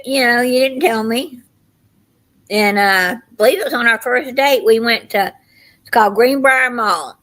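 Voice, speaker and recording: An older woman with a Southern US accent hosts a casual livestream. She talks in a folksy, meandering way, wandering from one story into the next. Her voice sits at an average pitch for a woman. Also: sharp tone, poor audio. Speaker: livestream host. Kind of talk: casual rambling chat to livestream viewers.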